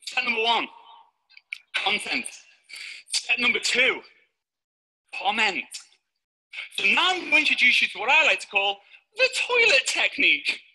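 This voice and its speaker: A man giving a high-energy, playful motivational talk on stage to a live audience. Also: big pitch swings, a little slow, long pauses, pushed and bright, breathy edge, low-quality recording. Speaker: motivational speaker.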